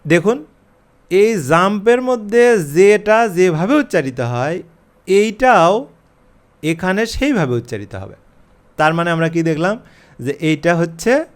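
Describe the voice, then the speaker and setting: A man teaching English pronunciation, explaining rules with questions and slowing down to spell out letters. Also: high-pitched. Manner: lively, questioning, drawing out letters slowly to spell. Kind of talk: explaining a lesson to camera.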